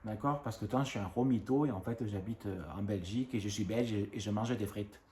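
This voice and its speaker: A man in his thirties from France, a YouTuber ranting casually and talking fast, rambling with many fillers. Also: on the low side, warm tone, echoey room, a little hiss or hum. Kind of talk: casual vlog rant.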